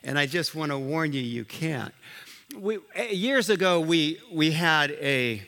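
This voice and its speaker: A man who grew up in Liberia, preaching a sermon as a pastor, animated and full of restarts and asides. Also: on the high side, measured pace, gravelly, in a large hall.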